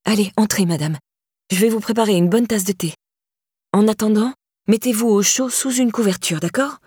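A woman reading an audiobook voices a blunt, streetwise young woman who swears but looks after a stranger, in a raised, breathy voice. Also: medium pitch, normal speed, darkish tone, no room sound, clean studio sound, close to an everyday voice. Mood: caring. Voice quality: brash, exclaiming, swearing.

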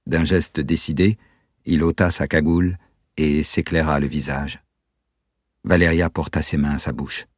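Deep husky guy reading a novel, steady pace, dry sound. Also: unhurried, dry recording. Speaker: audiobook narrator. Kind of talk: scripted narration.

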